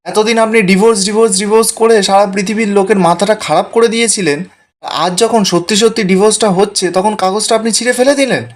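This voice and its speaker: A woman's voice: fairly low pitch, expressive, quick pace, hardly any pauses, natural voice. A man voicing an indignant proud young wife. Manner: indignant, sharp retorts. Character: proud, angry young wife refusing money.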